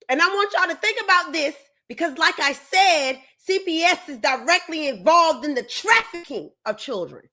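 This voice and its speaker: High, animated, fired-up woman commentator. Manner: emphatic, keeps repeating herself for stress. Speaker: commentary host. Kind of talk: ranting commentary to viewers.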